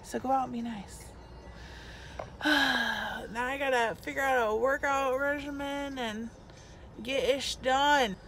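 Tired young woman vlogger filming herself in a car, bright gravelly voice, joking at her own expense. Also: a little high. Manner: chatty, self-mocking, laughs a lot. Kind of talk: casual vlog chat. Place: parked car. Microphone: phone held at arm's length.

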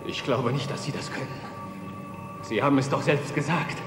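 A man's voice: medium pitch, normal speed, lightly acted. A man in his thirties playing a desperate, defiant husband in a dubbed horror film, impassioned and emphatic. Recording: echoey hall, film music behind.

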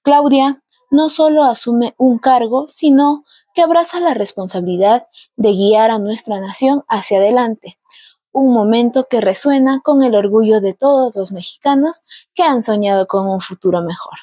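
A woman's voice: fairly high pitch, moderate pace, mellow, no room sound. A young woman presenter reading earnest scripted narration into a close microphone. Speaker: video presenter. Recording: dry, slightly dull studio sound.

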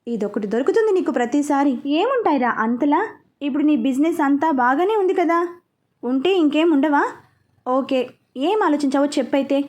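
A woman voicing a blunt, quick-tempered young man in a storybook reading. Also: high voice, expressive, a little mellow. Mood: irritated. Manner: irritated, scolding.

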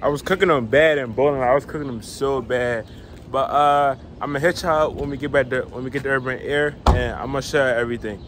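A young man talking casually to his phone camera in a selfie vlog, relaxed and slangy with lots of fillers, at an indoor trampoline park. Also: medium pitch, fast talker, background noise. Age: young adult. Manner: laid-back slangy chatter with many fillers. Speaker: vlogger. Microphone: phone camera at arm's length.

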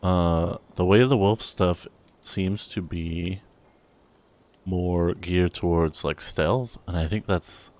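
A man's voice: deep voice, steady tone, takes it slowly, darkish tone. A man giving laid-back, rambling commentary while playing a video game. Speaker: let's play host. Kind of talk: casual gameplay commentary.

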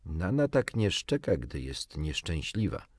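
A man's voice: low voice, big pitch swings, measured pace, no echo, clean studio sound, heavily acted. A man voicing a wise, earnest young girl in a children's story. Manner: earnest, knowing.

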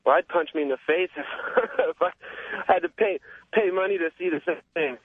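A male caller who grew up in Japan talks in a hesitant, rambling way, filling his pauses with uhs. His voice sits at an ordinary middle pitch. He comes through a narrow, tinny phone line with a dry sound. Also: husky, dry recording. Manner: hesitant, rambling, full of fillers. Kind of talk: phone-in conversation.

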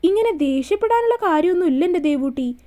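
A woman's voice: very high voice, lively intonation, fast talker, mellow. A woman voicing a cruel young man who holds a woman captive, in a mocking, menacing way.

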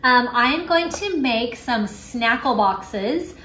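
With slight background noise in an echoey kitchen, a woman in her thirties vlogs to camera about life as a mom. Her fairly high voice is expressive, slow and sharp-toned, and her chatty, upbeat manner comes with lots of fillers.

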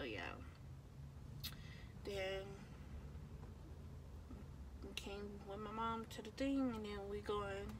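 A young vlogger talks casually to her viewers from a parked car, phone camera close by, with a medium-pitched, slightly bright voice. She frequently tails off with "so, yeah" and fades into mumbling, and the low-quality recording carries slight background noise.

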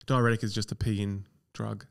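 A low-voiced man co-hosting a medical podcast. His voice has a gravelly edge over a smooth, resonant core, and he explains things plainly and matter-of-factly. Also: little pitch movement, brisk. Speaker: podcast co-host, doctor. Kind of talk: casual educational chat.

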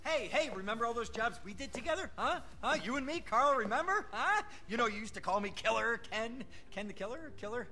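A jittery, pleading lawyer. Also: male voice, extremely high pitch, lively intonation, moderate pace, few pauses, sharp tone, full character voice. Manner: nervous, pleading, rambling. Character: jittery desperate middle-aged lawyer, man.

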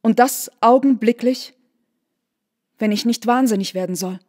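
Woman reader doing a young noble widow: earnest, pleading, a little high. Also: a little slow, darkish tone. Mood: desperate. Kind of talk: literary reading.

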